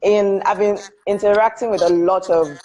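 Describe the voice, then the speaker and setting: A woman's voice: medium pitch, fairly even intonation, dark tone, slight background noise, low-quality recording. Chatty Nigerian woman hosting a live chat. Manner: chatty, reads out viewer names slowly. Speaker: host. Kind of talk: casual live-stream interview. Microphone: video call.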